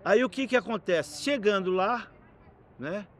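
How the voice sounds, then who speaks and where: A middle-aged man, telling stories as a podcast guest in a lively, slangy way. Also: high voice, unhurried, a little hiss or hum. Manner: lively, slangy, animated storyteller. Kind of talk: casual anecdotal storytelling.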